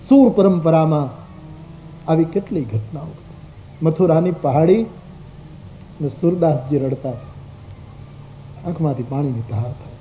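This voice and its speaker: Brief: man, devotional storyteller, expressive, slightly high-pitched, dull lo-fi live tape with faint music. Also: slight background noise. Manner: expressive, acts out the characters' voices. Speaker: religious storyteller. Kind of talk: devotional story sermon with sung verses.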